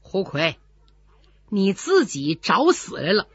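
Woman putting on a cocky strong male general, boastful and mocking, lively up and down pitch, a little husky, dull lo-fi. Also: slow, no echo, heavily acted. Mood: lecturing. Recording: dull lo-fi recording.

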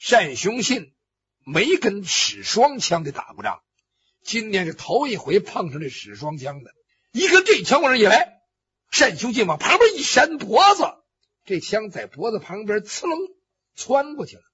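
A man's voice: sits high, wildly swooping pitch, normal speed, sharp tone, husky. A man telling a traditional Chinese story vividly, with spoken sound effects and acted cries. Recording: dull lo-fi recording.

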